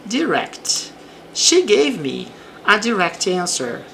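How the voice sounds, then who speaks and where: Brazilian woman language teacher, unhurried and patient delivery, lively pitch. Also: gravelly, a little hiss or hum. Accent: Brazilian Portuguese. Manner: reads English example sentences slowly, then explains in Portuguese. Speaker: English teacher. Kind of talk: slow explanatory language lesson.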